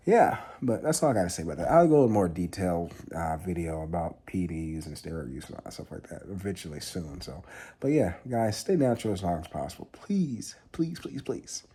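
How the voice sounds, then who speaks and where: A man's voice: low voice, lively intonation, moderate pace, warm tone, husky. A man, talking casually and earnestly to camera in a fitness vlog, repeating himself and swearing loosely. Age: 20s. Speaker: fitness vlogger.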